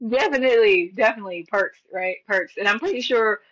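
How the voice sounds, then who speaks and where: Bright-voiced woman on a podcast. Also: mid-range voice, fairly quick, highs cut off. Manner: supportive, rambling with fillers and restarts. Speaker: podcast co-host. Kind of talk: casual movie-rewatch chat.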